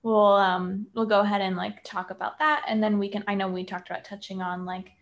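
A woman's voice: mid-range voice, level tone, brisk. A woman hosting a podcast, talking casually with many fillers. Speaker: podcast host.

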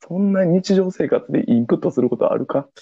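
Gravelly Kansai man teasing his friend. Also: a little high, expressive, fast, dark tone, no room sound, lo-fi sound. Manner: teasing, laughs often. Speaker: podcast co-host. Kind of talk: casual chat.

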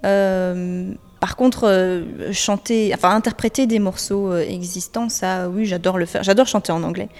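A young French-speaking singer-songwriter answers an interviewer hesitantly, with many fillers, frequent pauses and restarted sentences. Her steady, slightly mellow voice is middle-pitched and carries a long reverb from the room.

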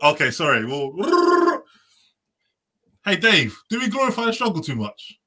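A man's voice: high-pitched, huge pitch swings, measured pace, noisy background. A man with a London roadman accent and slangy street talk, hosting a casual group chat. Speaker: podcast host.

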